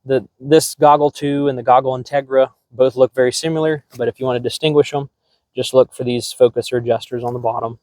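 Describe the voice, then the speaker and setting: A middle-aged man who runs a drone hobby channel talks about products to camera in a relaxed, rambling way, full of ums and restarts. His voice is medium-pitched, with no room sound.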